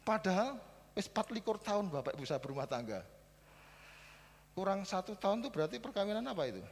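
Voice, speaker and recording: A male pastor in his fifties with a Javanese accent, telling lively stories in a sermon and swinging between soft asides and loud preaching. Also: sits high, quick pace. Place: church hall. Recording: reverberant church hall.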